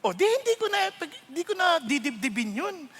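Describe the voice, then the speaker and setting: Male pastor, middle-aged, lively sermon, high bright voice, long hall reverb. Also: normal speed. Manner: animated, laughing often, mixing English into his talk.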